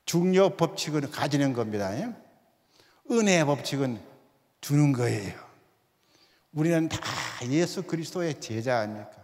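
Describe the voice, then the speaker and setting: Older guy in his 70s preaching in a church, fairly high voice, lots of hall reverb. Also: expressive, normal speed, pauses often, darkish tone. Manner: asks the congregation rhetorical questions. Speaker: guest speaker. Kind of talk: sermon. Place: church sanctuary.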